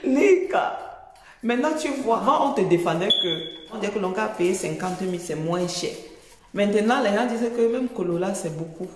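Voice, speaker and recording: A woman's voice: medium pitch, expressive, normal speed, a little hiss or hum. A woman with a Cameroonian accent giving informal online commentary in a scolding, mocking manner, often repeating phrases for emphasis. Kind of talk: informal spoken commentary video. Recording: very echoey, long reverb.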